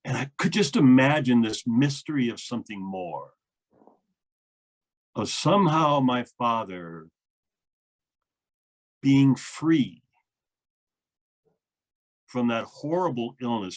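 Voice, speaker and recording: A man's voice: mid-range voice, expressive, slow, long pauses. A man, a minister, interviewing a guest in an earnest, thoughtful way with frequent fillers. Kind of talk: reflective conversation.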